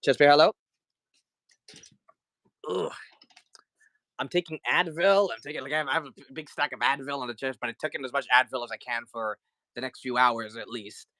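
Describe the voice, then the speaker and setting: Man, live-stream toy seller, flu-sick, chatty, bright voice, dry close sound. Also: mid-range voice, brisk, long pauses, dry recording. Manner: chatty, greets viewers, counts down sales. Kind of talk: casual live-selling chat.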